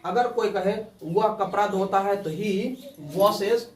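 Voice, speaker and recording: In a classroom lesson on spoken English, a man leads students through call-and-response drills. He speaks slowly in a high, steady voice, and the sound is roomy, as if recorded far from the mic.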